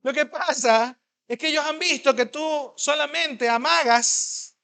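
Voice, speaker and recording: A man's voice: very high-pitched, vocal fry. Emphatic, conversational male preacher. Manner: emphatic, swings loud and soft, rhetorical questions to the congregation; conversational, fast at times. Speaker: pastor. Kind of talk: sermon.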